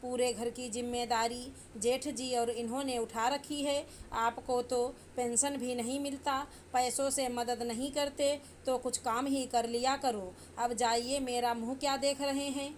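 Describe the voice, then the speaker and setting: A sharp-tongued young daughter-in-law, as a woman storyteller voices her, scolding and dismissive in a storybook reading. The voice sits a little high and runs flat and even. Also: measured pace, hardly any pauses, a little hiss or hum, close to an everyday voice. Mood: scornful.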